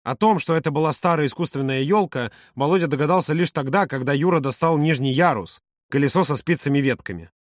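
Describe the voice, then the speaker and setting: A man narrating an audiobook in an even, measured reading. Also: on the high side, no room sound, clean studio sound. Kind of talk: scripted narration.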